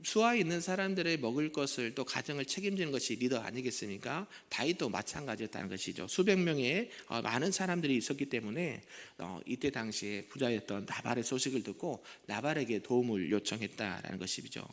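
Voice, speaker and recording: A man's voice: mid-range voice, lively intonation, a little fast, few pauses. Man preaching in a reverberant church. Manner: conversational preaching, asks the congregation questions. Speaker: senior pastor. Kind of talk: early morning prayer sermon. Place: church sanctuary.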